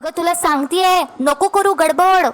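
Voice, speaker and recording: A woman acting out a scheming, sharp-tongued rich woman who scolds and hushes. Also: extremely high pitch, unhurried. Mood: hushing. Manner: scolding, then coolly hushing.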